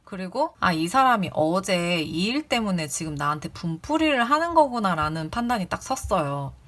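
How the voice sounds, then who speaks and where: A woman's voice: lowish voice, big pitch swings, normal speed, fairly bright tone. A woman who used to work as a community office clerk tells a story about a rude visitor in a casual way. She sounds indignant and acts out the people she quotes in raised voices.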